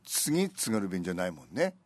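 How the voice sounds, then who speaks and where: A man's voice: low-pitched, big pitch swings, moderate pace, slight background noise. An older man with a Tsugaru accent chats casually as a radio co-host, speaking folksy dialect with colloquial endings. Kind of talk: casual chat.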